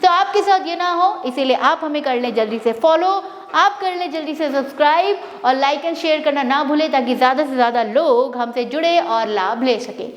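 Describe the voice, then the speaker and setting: Indian woman tutor, bilingual explainer with fillers, high pitch, roomy sound. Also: normal speed. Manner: switches between Hindi and English, explains patiently with many fillers. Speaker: English teacher. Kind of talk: vlog-style pronunciation lesson. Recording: echoey room with long reverb.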